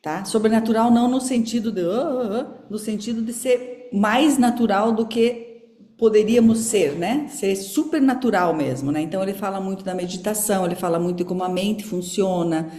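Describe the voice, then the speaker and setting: A woman's voice: medium pitch, a little fast, dark tone, roomy sound. Chatty Brazilian woman teaching an online class. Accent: Brazilian Portuguese. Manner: casual, chatty, with many fillers. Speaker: course teacher.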